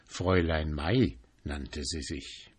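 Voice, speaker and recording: A man reading a fairy tale aloud in a calm, measured way. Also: extremely low pitch, breathy edge. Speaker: narrator. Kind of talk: storybook reading.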